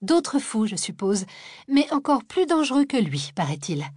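A haughty young female doctoral student in an audiobook thriller speaks in a shrill, piercing voice, throwing out cutting, sarcastic retorts, as a woman narrator puts her on. The voice is pushed high and loud, and the recording is dry and close. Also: big pitch swings, moderate pace, breathy edge, dry recording. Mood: dry, detached.

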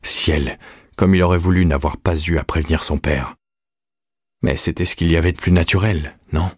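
A man reading an audiobook in measured, even scripted narration. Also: deep voice, slightly rough, no room sound, clean studio sound.

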